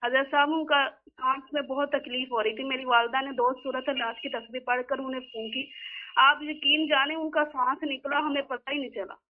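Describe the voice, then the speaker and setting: A woman's voice: high-pitched, fairly even intonation, normal speed. A woman calling in over a crackly, unclear phone line, speaking earnestly and pleading, often repeating herself. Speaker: caller. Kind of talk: phone-in call to a spiritual guide.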